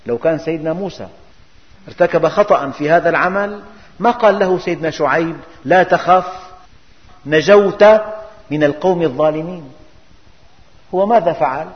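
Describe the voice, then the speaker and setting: A man giving a religious lesson, emphatic and full of rhetorical questions. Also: a little high. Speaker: preacher. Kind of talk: religious lesson explaining scripture. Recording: dull recording, long hall reverb.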